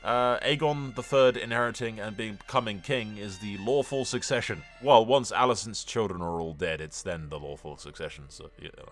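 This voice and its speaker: Over soft background music, this gaming video host talks at normal speed with few pauses in a lowish voice. His commentary is loose and rambling, peppered with swearing and jokes aimed at viewers.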